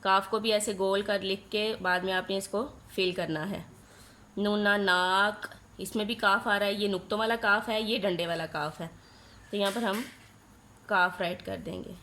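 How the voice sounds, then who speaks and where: Woman teacher sounding out letters slowly. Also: medium pitch, fairly even intonation, a bit bright, slight background noise. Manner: slowly spells out letters and sounds for young children; asks questions and answers them herself. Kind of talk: nursery class lesson.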